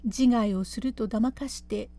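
A woman voicing a composed courtesan who explains herself quietly and steadily in old pleasure-quarter speech. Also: a little high, moderate pace, close to an everyday voice. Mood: calm, quiet.

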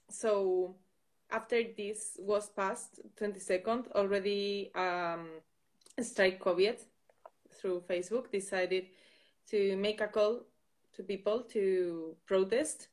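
A woman's voice: medium pitch, steady tone, takes it slowly. Woman with a Basque accent, interview guest. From Basque Country, Spain. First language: not English. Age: 20s. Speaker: guest, student and think-tank intern. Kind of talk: live-stream interview answers.

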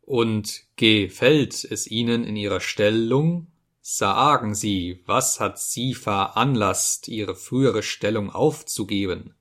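A man voicing a teasing male dinner guest who asks slow, mocking questions. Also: on the low side, fairly bright tone. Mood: prying.

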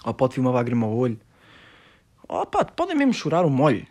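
A man's voice: mid-range voice, wildly swooping pitch, brisk, a little mellow. A man with a European Portuguese accent hosting a solo podcast, ranting sarcastically and profanely about a TV show. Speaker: podcast host.

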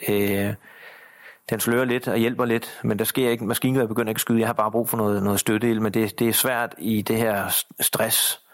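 Middle-aged male guest, low-pitched, halting storyteller recounting combat. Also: little pitch movement. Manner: halting, many fillers and restarts. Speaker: interview guest, soldier. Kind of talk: personal war account in interview.

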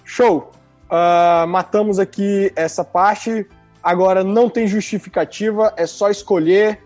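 A man's voice: high voice, steady tone, a little slow, a little mellow, faint music behind. A man with a Bahian Brazilian accent, chatting informally and with slang as a podcast co-host. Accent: Bahian Brazilian Portuguese. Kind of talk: casual chat.

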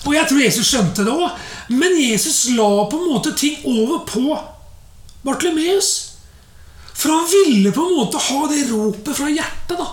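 A woman's voice: high-pitched, echoey room. A woman giving a conversational sermon, chatty and loose, full of fillers and rhetorical asides. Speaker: preacher.

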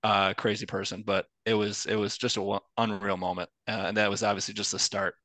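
A man, a former college player, telling lively stories as a podcast guest. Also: fairly low pitch, brisk, dry recording. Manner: lively storyteller. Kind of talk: casual podcast chat.

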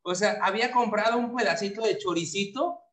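A man telling his side of a story in casual chat, in a self-pitying, animated way. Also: sits high, a little fast.

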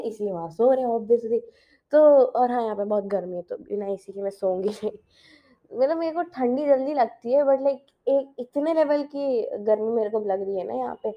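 A woman's voice: a little high, highs cut off. A teenage girl chatting casually as the host of her own show, mixing in English phrases and laughing often, recorded at home. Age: teens. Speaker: podcast host. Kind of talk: casual chat.

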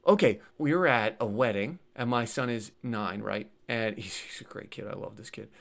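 A man's voice: fairly low pitch, moderate pace, gravelly. A man talking as a guest in a casual interview, telling stories earnestly, often repeating and restarting words and laughing lightly as he goes. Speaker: podcast guest.

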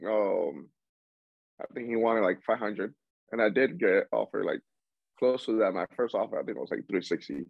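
Speaking at a moderate pace, this young Cuban baseball player has a lowish, gravelly voice, captured on a dry, dull recording. As an interview guest in a casual chat, he keeps rambling, restarting and laughing.

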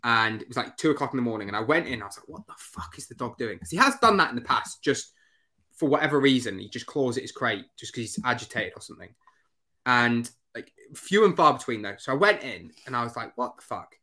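Chatting casually as a podcast co-host, this man rambles through stories, dropping fillers and the odd swear word. His mid-range voice sounds pushed and bright, fast and sing-song.

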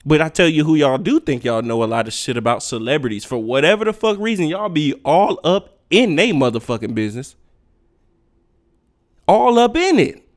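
A man rants on his own podcast, blunt and profane. His voice swoops wildly from low mutters to sharp high jabs. It sits a little higher than most men's. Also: expressive, a little fast, few pauses. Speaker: podcast host. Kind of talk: unfiltered solo rant.

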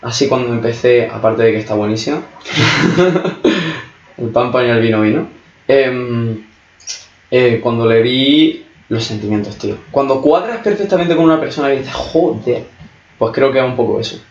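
A man's voice: mid-range voice, moderate pace. A young man chats casually, loose and jokey, with swearing sprinkled through his talk. His voice sounds dull and lo-fi, in a room that echoes. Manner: relaxed, joking, swears often. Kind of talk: casual chat.

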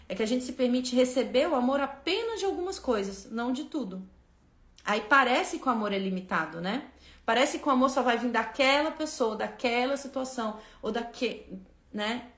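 A woman's voice: fairly high pitch, reverberant. A woman hosting a spiritual lesson on a live stream, speaking fervently and emphatically, repeating phrases and turning to her viewers.

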